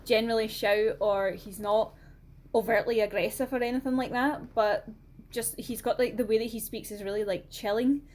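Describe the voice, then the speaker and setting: Chatty Scottish woman, fairly high voice. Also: steady tone, normal speed, a little mellow. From Scotland. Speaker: podcast co-host. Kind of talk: casual film discussion.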